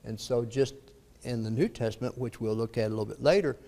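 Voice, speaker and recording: A man's voice: medium pitch, brisk, dark tone. A man preaching a lesson in a church, reading scripture aloud with rising emphasis and then explaining it with some hesitant fillers. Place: church auditorium. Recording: long reverb of a church hall.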